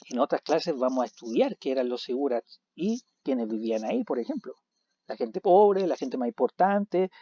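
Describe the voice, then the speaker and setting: A man teaching a recorded video lesson, animated, asking questions and answering them himself. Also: on the high side, dry recording. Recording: dull lo-fi recording.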